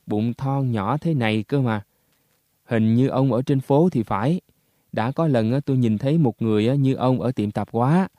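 A man voicing the ghost of a young male soldier, blunt and rough in his talk. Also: medium pitch, warm tone, dry recording, studio quality, close to an everyday voice.

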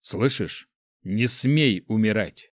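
A man reading a weeping dark mage who pleads with a dying woman, in an audiobook. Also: on the low side, takes it slowly, no echo, studio quality. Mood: grieving. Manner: strained, tearful pleading.

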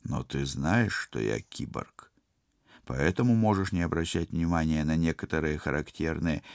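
A man voicing a cautious male cyborg navigator in an audiobook, asking questions carefully and slowly. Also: a bass voice, gravelly, no echo, clean studio sound. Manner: careful, hesitant.

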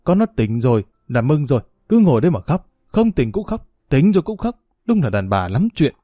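A man voicing a stern old father who scolds his wife in a gruff, rising voice, with a mellow tone. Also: medium pitch, lively intonation, fast talker, no echo, clean studio sound, natural voice. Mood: scolding.

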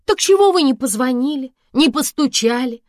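A woman reading an audiobook, voicing a flustered, chatty female housekeeper in a shrill, excited, pleading way. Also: normal speed, no echo, studio quality. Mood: fussing. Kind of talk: audiobook character voice.

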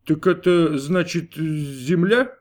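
A man doing a cranky, imperious old God who snaps and grumbles at his servant, his pitch jumping high and loud. The lines come slowly and roll, with a touch of distance from the mic, as in a storybook reading. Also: very animated. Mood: grumpy. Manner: snapping, grumbling, mocking. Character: grumpy capricious male God, old and imperious. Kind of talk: audiobook character voice.

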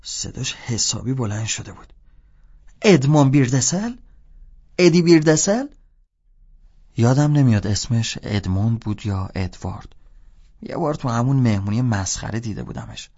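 A man's voice: lowish voice, mellow, slightly rough. A man narrating a novel in the first person, wry and confiding in tone. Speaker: audiobook narrator. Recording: dull lo-fi audio.

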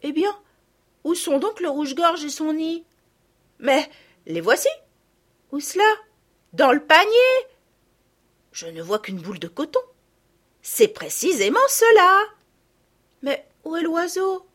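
A woman's voice: sits high, sing-song, slow pace, pauses often, fairly bright tone, voice pushed up, heavily acted. A woman voicing a young girl, eager and sure of herself, in a storybook reading. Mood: proud. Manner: stammering when caught out.

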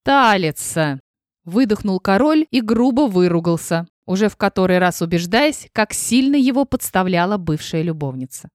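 A woman reading a fantasy audiobook as narrator, in an even, expressive reading voice on a close mic. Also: mid-range voice, moderate pace, few pauses, dry recording.

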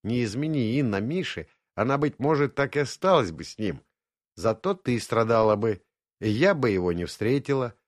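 Man voicing a wry candid young woman, expressive pitch, dry close sound. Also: moderate pace, no echo, natural voice. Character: frank thoughtful young woman.

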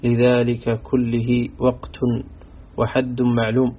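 A man reading aloud from a classical Quran commentary in a steady, scholarly recitation, going through quoted sayings one after another. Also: medium pitch, slow pace. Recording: tinny phone-like audio with faint hiss.

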